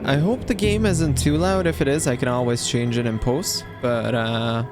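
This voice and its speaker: A gameplay streamer with a medium-pitched voice, fairly even intonation and normal speed casually comments while playing a horror game. He reacts aloud and reads the on-screen text in this let's-play, with game music in the background.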